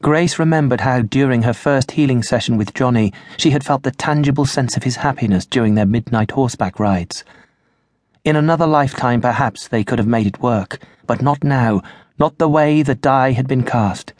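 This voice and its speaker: A man narrating a children's audiobook in a measured, expressive way on a close studio mic. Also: medium pitch, dry recording. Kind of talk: scripted narration.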